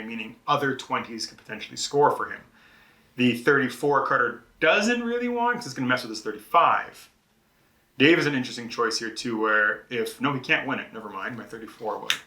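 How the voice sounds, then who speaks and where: A man's voice: medium pitch, sharp tone, echoey room. A man explaining the rules of a card game as he plays, chatty and self-deprecating about his own moves. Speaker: board game publisher host teaching rules. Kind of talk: rules teach during live play. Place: indoors at a game table.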